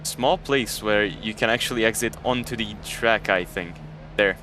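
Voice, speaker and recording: A Hungarian man with a Hungarian accent casually commentates a sim racing stream, chatting with viewers, joking and thanking the chat. His voice is lowish and sharp at a normal speed, with a little hiss or hum in the recording.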